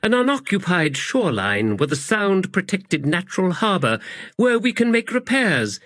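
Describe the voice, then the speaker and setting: A man's voice: sits high, very animated, normal speed, a bit bright, no echo, studio quality, voice pushed up. A man voicing a condescending young princess, lofty and teasing, in a storybook reading. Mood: haughty.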